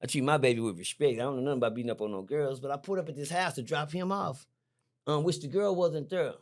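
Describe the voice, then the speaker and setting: A middle-aged man, a podcast guest, telling a story in a lively, slangy way, repeating himself and jumping high when excited. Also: quick pace. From Texas. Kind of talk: animated storytelling. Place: podcast studio.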